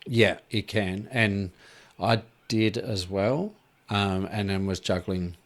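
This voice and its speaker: A man, hosting a casual podcast chat in a relaxed, rambling way with lots of fillers. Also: on the low side, takes it slowly. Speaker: podcast host.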